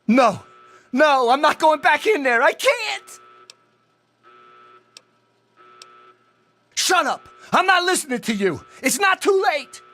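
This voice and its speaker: A man's voice: extremely high pitch, big pitch swings, unhurried, pushed and bright, faint music behind, heavily acted. A young man acting a panicked teenage tough boy in a video game, with an emphatic, pleading, slangy delivery. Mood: panicked refusal.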